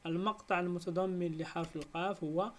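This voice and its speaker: A woman teacher with a Moroccan accent, reading a beginners' Arabic lesson slowly and deliberately, breaking words into syllables and stretching them out. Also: fairly low pitch, steady tone. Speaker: primary school teacher.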